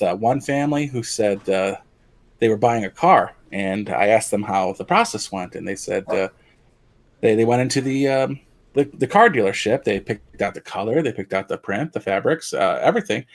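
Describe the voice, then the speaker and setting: A man co-hosting a casual podcast chat, swearing freely and retelling jokes. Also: medium pitch. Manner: loose, profane, joking. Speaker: podcast co-host.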